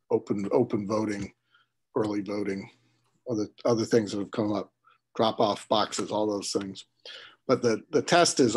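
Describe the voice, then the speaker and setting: A man hosting a webinar interview, asking a long question in a halting way as he searches for words, heard over a video call. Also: lowish voice, darkish tone, husky. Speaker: host.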